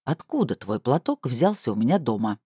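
A stern, accusing middle-aged man, as a woman reader puts him on in an audiobook, speaking in a deep, dark, cold hiss. The voice sits low and sounds close and dry, with nothing of the room around it. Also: big pitch swings, fairly quick, husky, no echo, full character voice. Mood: menacing. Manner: lowered, cold, hissing delivery. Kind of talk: audiobook character voice.

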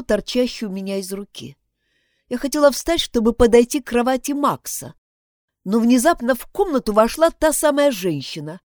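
A woman reading a first-person story aloud, with expressive storytelling. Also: a little high, no echo, studio quality. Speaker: narrator. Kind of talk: first-person audiobook narration.

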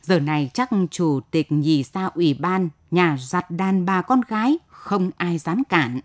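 A woman tells a story aloud in a lively, expressive way. Her voice sits a little low for a woman. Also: a little slow, no room sound, clean studio sound. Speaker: narrator. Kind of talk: audiobook story narration.

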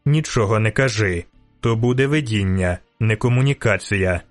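A man voicing an ancient, enigmatic male elf sage in an audiobook, speaking in a measured, cryptic, instructive way. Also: lowish voice, soft background music, lightly acted. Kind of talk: audiobook character reading.

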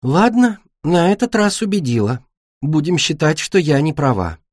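A man's voice: a little high, very animated, moderate pace, dry recording, studio quality, voice pushed up. A man voicing a proud, sly young female dragon with a teasing, light manner.

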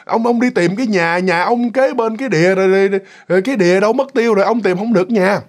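A man's voice: sits high, close to an everyday voice. A man voicing a frail, confused old man's ghost who speaks in a weak, faltering voice and stammers over his words. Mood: lost, bewildered. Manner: stammering, repeats words, slow and wandering.

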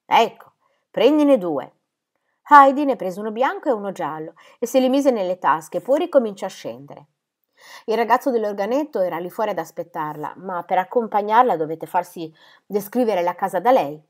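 A woman reading a children's novel aloud with dramatic, expressive delivery. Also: medium pitch, brisk. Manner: animated, dramatic. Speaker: reader.

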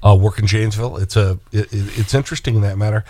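A man's voice: on the low side, fairly even intonation, fast talker, dark tone, dry recording. A man hosting a radio show, needling and joking with his guest. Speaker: radio talk show host. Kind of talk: radio interview, banter. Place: radio studio.

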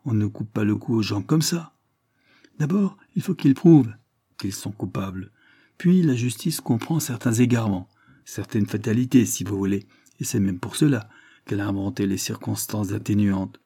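An audiobook reader playing a shrewd police detective, brisk and commanding as he questions a suspect. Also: lowish voice, warm tone, husky. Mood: firm. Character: shrewd older male police detective, calm and probing.

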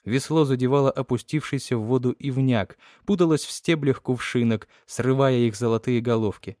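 A man reading a story aloud in measured, even narration. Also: mid-range voice, no echo, studio quality. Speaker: audiobook reader. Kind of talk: scripted narration.

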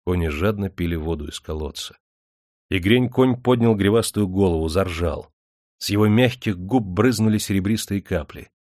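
A man reading an audiobook in measured, even storytelling narration. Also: sits low, dry recording, clean studio sound.

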